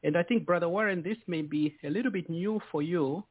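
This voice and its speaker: A man's voice: on the high side, fairly quick, slightly rough, dry recording. A man from eastern Zambia, hosting a radio talk show, explaining things with playful teasing banter. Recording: tinny phone-like dry sound.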